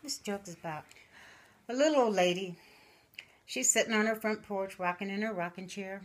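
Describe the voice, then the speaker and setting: Recorded on camera in a living room, an older woman, a grandmother, spins a folksy tale at a slow, lively pace. Her voice is mid-range.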